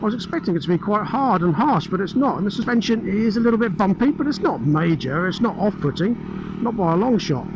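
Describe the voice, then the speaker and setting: A man's voice: sits high, big pitch swings, brisk, vocal fry, highs cut off. British man talking through a helmet mic. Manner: chatty, enthusiastic running remarks. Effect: speaking through a helmet mic while riding. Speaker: motorcycle reviewer. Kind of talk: riding commentary. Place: on a motorbike on open roads. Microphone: helmet-mounted mic. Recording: helmet mic with engine and wind noise. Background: engine and wind noise.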